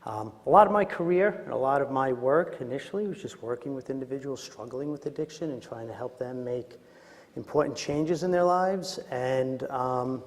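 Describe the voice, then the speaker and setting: A man with a Queens, New York accent gives an informal conference lecture as a doctor, in a hesitant, halting, self-deprecating way. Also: medium pitch, darkish tone. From Queens, New York, United States. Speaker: doctor presenting at a medical training. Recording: echoey hall with long reverb.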